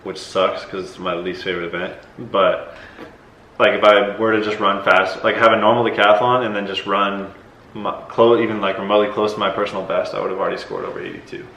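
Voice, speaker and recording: A young man who is a vlogger and decathlete hosts a casual Q&A vlog, talking loosely and hesitantly with many fillers. His voice is on the low side with a fairly bright tone and a slightly fast pace, and the recording is echoey with faint noise.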